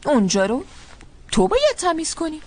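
A woman dubbing a drama role as an aunt who scolds her niece, reproachful and quick to tears. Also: sits high, huge pitch swings, darkish tone, a little hiss or hum. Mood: scolding. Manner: reproachful, moves into sobbing. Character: scolding aunt, tearful, easily hurt. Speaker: voice actor. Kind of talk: dubbed drama acting.

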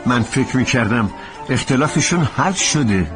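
A man's voice: medium pitch, expressive, close to an everyday voice. A man dubbing a flustered young husband. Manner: hesitant, stammering. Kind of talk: Persian dub of a TV drama. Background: music.

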